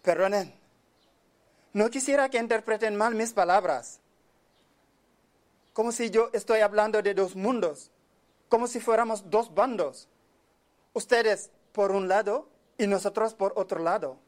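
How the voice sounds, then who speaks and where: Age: adult. Sex: man. Origin: Senegal. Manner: earnest, measured, often quiet. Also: high voice. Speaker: speaker telling of his migrant life. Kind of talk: reflective spoken monologue.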